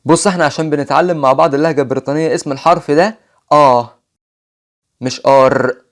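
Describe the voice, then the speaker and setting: A man with an Egyptian Arabic accent teaching an English phonics lesson, patiently repeating example words slowly. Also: a little high.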